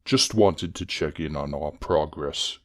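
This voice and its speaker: An actor playing a scheming villain uncle who speaks in a slow, measured, menacing way. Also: female voice, extremely low pitch, a little mellow. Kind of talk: audio drama acting.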